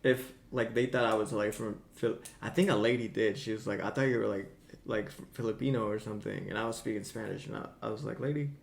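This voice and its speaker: Soft-spoken gravelly Mexican man. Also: lowish voice, steady tone, fast talker. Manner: soft-spoken and hesitant, trails off. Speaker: podcast co-host. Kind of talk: casual chat. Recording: echoey room with faint background hum.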